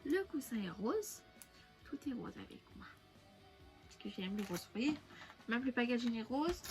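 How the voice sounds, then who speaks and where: A woman's voice: on the high side, big pitch swings, normal speed, darkish tone. A young woman from France chatting casually through a shopping haul, rambling with many fillers and restarts. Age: young adult. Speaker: beauty vlogger. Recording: music playing behind.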